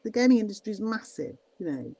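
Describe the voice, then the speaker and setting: A voice actress talking casually in an interview over a video call, rambling with many restarts. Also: female voice, medium pitch, sing-song, fast talker, creaky, mellow, husky, no echo, rough recording. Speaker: voice actress and guest; teaches students. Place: at her desk.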